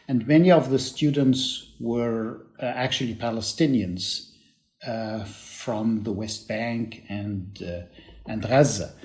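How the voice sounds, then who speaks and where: An older man, born and raised in Egypt, answers interview questions as a professor. He talks in a measured way, pausing often with fillers and letting phrases trail off. The recording has a roomy echo. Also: medium pitch, darkish tone.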